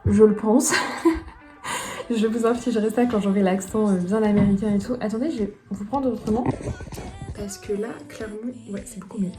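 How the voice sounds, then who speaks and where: A young woman chats casually into her phone camera, rambling a little and making fun of herself. Her voice is mellow and relaxed, with faint music playing softly behind her. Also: mid-range voice, brisk. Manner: chatty, self-deprecating, rambling. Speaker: vlogger. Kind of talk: casual vlog chat.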